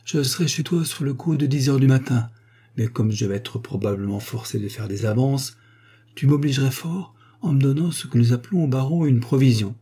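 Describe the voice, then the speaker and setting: A man's voice: medium pitch, a little fast, warm tone, breathy edge, natural voice. A man voicing a scheming former notary clerk turned fixer, jovial and fond of saying "mon bon". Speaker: character in an audiobook.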